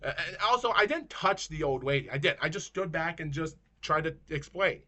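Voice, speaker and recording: Bright-voiced man rambling a story. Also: on the high side, fairly quick. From Maine, United States. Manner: rambling, restarts sentences, keeps addressing viewers as guys. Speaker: YouTuber telling a personal story. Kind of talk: casual storytelling vlog.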